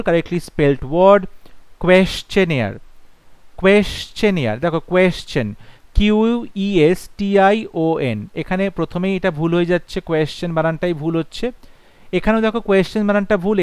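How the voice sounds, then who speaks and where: High-voiced man spelling words letter by letter. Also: smooth, dry recording. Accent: Bengali. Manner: spells out letters slowly, repeats each word several times; reads question numbers slowly and deliberately in English. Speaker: English teacher. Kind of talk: exam prep lesson, spelling words letter by letter.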